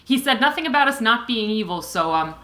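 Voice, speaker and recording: A woman's voice: a little high, lively intonation, fairly quick, bright, forceful tone, roomy sound. A woman co-hosting a let's play, giving casual gameplay commentary. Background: game music.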